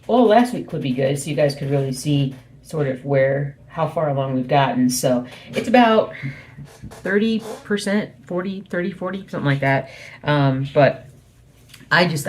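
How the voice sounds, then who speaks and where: A woman with a low voice talks quietly, as if keeping it down at night at home. Her delivery is a casual, wandering host's chat that often corrects itself. A faint noise sits behind her in a small room. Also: moderate pace. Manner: speaking quietly at night so as not to wake someone; rambling, informal, self-correcting. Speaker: host of a weekly cross stitch video update.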